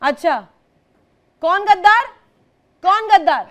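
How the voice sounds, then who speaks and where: A woman's voice: very high-pitched, lively intonation, takes it slowly. A woman anchor moderating a heated TV debate, insistently cutting in to steer the guests. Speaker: news anchor.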